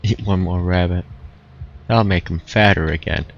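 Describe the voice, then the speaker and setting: A man with a lowish voice talks casually over his gameplay in a relaxed, musing way, often circling back and restarting his thoughts. The sound is dull and lo-fi, as if from a modest home mic. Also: normal speed, gravelly, slight background noise. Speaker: streamer.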